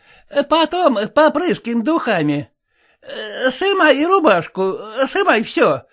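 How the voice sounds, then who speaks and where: A man voicing a coarse, bossy maidservant who scolds and shouts in a hoarse voice, in an audiobook reading. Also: very high voice, very animated, slow, pitched above the performer's own voice, exaggerated voice. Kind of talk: audiobook character voice.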